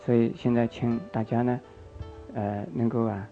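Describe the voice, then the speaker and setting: A man's voice: mid-range voice, flat delivery, normal speed, soft background music. An older man preaching a Buddhist sermon, coaxing his listeners, repeating phrases and asking them questions. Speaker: Buddhist monk teacher. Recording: dull lo-fi recording.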